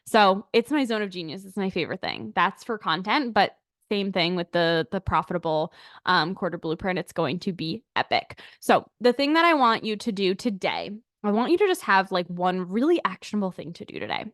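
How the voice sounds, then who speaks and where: Young woman hosting a solo podcast: candid, chatty, swears freely, slightly out of breath. Average pitch, dry recording. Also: big pitch swings, normal speed, a bit bright, no echo. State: a bit out of breath. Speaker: podcast host. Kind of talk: casual solo podcast talk.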